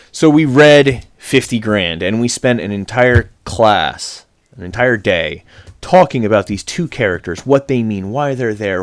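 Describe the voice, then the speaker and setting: Low-voiced man giving a casual lecture. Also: dry recording. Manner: casual, chatty, with many fillers and restarts. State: out of breath. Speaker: teacher. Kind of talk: recorded online lecture. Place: at home.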